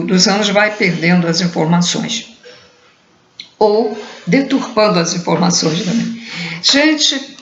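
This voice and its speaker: A woman giving an unhurried spiritual talk, musing aloud and often trailing off with a questioning "né". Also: mid-range voice, a bit bright. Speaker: spiritual teacher. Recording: roomy, dull lo-fi recording.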